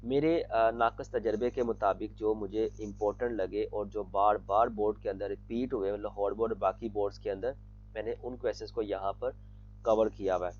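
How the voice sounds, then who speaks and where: A man's voice: lowish voice, fairly even intonation, normal speed, darkish tone, dull audio. A man patiently teaching vocabulary, often repeating himself and addressing students as children. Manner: patient, repeats "theek hai" and calls students "bete". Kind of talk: explaining vocabulary lesson.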